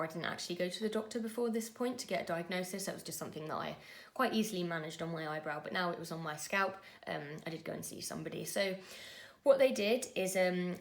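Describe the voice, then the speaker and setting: A woman, telling a personal story to camera in an earnest, conversational way with frequent pauses and fillers. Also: on the low side. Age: 20s. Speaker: vlogger.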